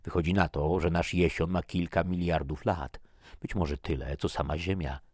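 A man's voice: deep voice, steady tone, moderate pace, a little mellow, no echo, studio quality. A man voicing a wry male archaeologist. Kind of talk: audiobook reading.

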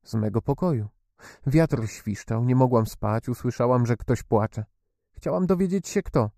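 A man's voice: mid-range voice, animated, a little slow, gravelly, dark tone, no room sound, studio quality. A man reading the lines of a curious, startled young girl who asks breathless, stammering questions. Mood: earnest. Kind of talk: audiobook character reading.

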